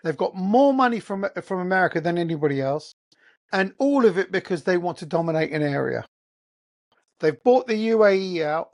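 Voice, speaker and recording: In a ranting monologue, a man from England with an English accent holds forth bluntly and profanely, peppering it with rhetorical questions. His voice sits high and sounds a little mellow.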